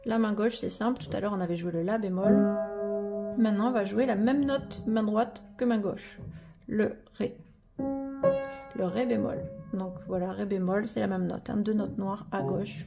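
A woman giving a patient step-by-step piano lesson, naming each note as she plays, with loud piano under her voice. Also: mid-range voice, normal speed, creaky. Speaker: piano teacher. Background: piano playing.

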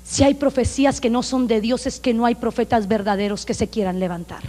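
A woman's voice: a little high, fairly even intonation, brisk. A woman pastor with a Honduran accent, preaching a sermon emphatically to a congregation. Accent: Honduran Spanish. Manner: emphatic, preaching loudly with acted-out quotes. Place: church sanctuary. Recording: long reverb of a church hall.

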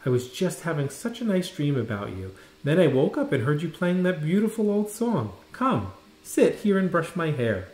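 A man voicing a sick, loving grandmother who speaks softly and sleepily from her bed, in a storybook read aloud. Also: on the high side, big pitch swings, moderate pace, few pauses, voice pushed up. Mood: sleepy, tender. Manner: soft and sleepy. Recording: roomy echo.

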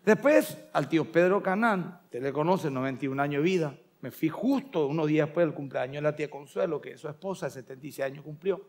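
Paraguayan pastor guy preaching, tells family stories, does the relatives' voices, a bit high pitched. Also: quick pace, few pauses, a little mellow. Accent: Paraguayan Spanish. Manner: storytelling, acting out family voices in quotes. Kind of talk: sermon.

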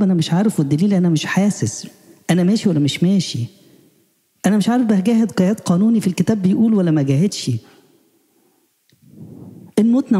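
A man with an Egyptian accent giving a spiritual sermon, asking rapid, pleading questions. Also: sits high, dark tone, big-room sound. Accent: Egyptian Arabic. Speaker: preacher.

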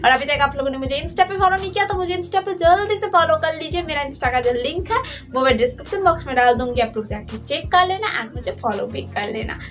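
A woman's voice: high-pitched, animated, fairly quick, a bit bright, faint music behind. A woman hosting a reaction channel, chatting casually and mixing in English phrases as she opens her video. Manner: chatty, mixing English into her talk, sing-song greeting.

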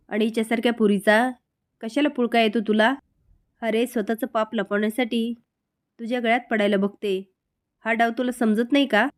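A woman's voice: a little high, close to an everyday voice. A woman reading out a harsh, scolding older woman. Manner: blunt, rustic, contemptuous. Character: stern scolding middle-aged woman, harsh.

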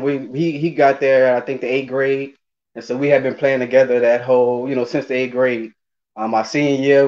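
A forties-aged man with a New Orleans accent, originally from New Orleans, Louisiana, speaks in a medium-pitched, slightly mellow voice. Once a college running back, he's now an interview guest chatting casually and hesitantly on a remote video call indoors, with dull, lo-fi sound.

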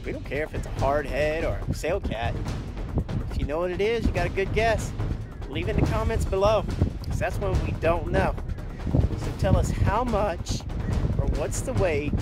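A man, hosting a fishing show from a small boat outdoors, enthusiastic and quick to laugh. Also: on the high side, over loud music. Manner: enthusiastic, laughs often, Southern drawl words. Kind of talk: excited on-the-water commentary. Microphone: action camera on the boat.

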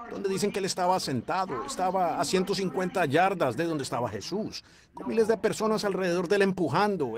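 A man preaching a sermon with fervour, building to shouts and stretching key phrases out slowly for emphasis. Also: on the high side.

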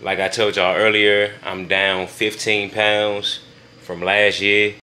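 A man's voice: lowish voice, level tone, takes it slowly, pushed and bright, a little hiss or hum. A young man vlogging casually from his home kitchen, talking straight to his viewers in a laid-back way. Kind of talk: casual vlog talk to camera.

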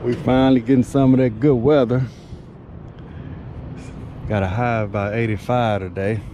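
Technician over loud rooftop machinery. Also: male voice, medium pitch, moderate pace, dull audio. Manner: relaxed, talks while working with his hands. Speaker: HVAC technician. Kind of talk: casual work narration. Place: outdoors on a commercial rooftop. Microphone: head-mounted action camera. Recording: loud machinery and wind noise. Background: loud rooftop AC unit and wind.

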